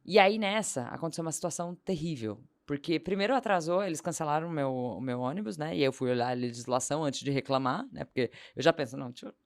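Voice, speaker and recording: A woman with a low-pitched voice, appearing as a podcast guest in a casual interview, tells an animated anecdote at a quick pace with few pauses. She acts out the quoted lines of the people in her story.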